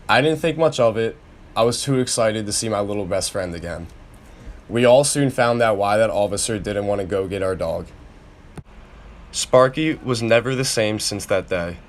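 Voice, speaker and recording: Low-voiced young man reading a memoir. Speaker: student reading a personal memoir. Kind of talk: read-aloud personal narrative.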